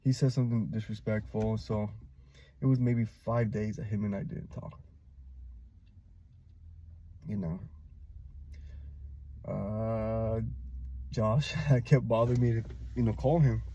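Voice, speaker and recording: A man recounting a painful personal memory in a somber, halting way, with many pauses and fillers. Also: fairly low pitch, steady tone, warm tone, a little hiss or hum. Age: adult, a father. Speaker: vlogger. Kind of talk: personal recollection to camera.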